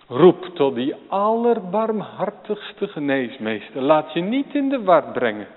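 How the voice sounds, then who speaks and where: A male pastor delivers a slow, deliberate sermon in a large church, surging from hushed, low passages to loud, ringing cries. His voice reaches us through a narrow, phone-like channel, and a long hall reverb trails every phrase. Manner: dramatic swings from soft to loud preaching.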